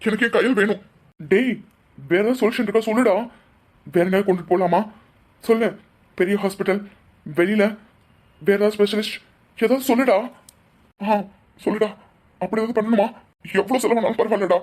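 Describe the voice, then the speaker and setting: A frightened young husband in a cartoon drama, voiced by a woman, pleading urgently in a husky middle voice. He pushes for answers, his words rushing and fearful. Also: mid-range voice, darkish tone, natural voice. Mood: anxious pleading. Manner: anxious pleading.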